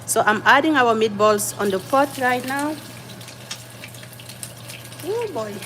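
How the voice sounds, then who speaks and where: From her home kitchen, a chatty Cameroonian woman hosts a casual cooking livestream, naming viewers as she greets them and apologizing while she multitasks. Her slightly high voice is bright and forceful, delivered slowly over a rough recording with faint background noise.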